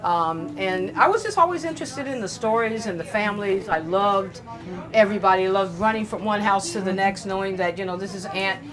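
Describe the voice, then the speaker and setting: An older woman from California recounting personal family history in an interview, telling her stories with lively acted-out dialogue. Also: medium pitch, brisk, a crowd in the background. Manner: animated storyteller who acts out the voices of people she quotes. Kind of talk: storytelling interview.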